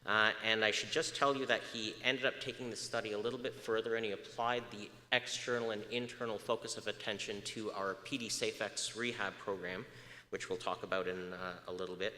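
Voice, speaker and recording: A man with a fairly low, sharp-toned voice talks fairly quickly and with fairly even intonation, a little hiss or hum underneath. As a research speaker at a public lecture, he asks the audience questions, uses many "uh"s, and at moments leaves the microphone. The big lecture hall adds echoey reverb.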